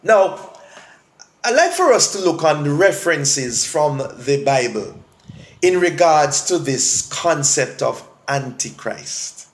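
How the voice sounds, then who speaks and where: A man teaching a church Bible study as pastor, deliberate and repeating key phrases for emphasis. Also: a little high, sing-song, echoey room.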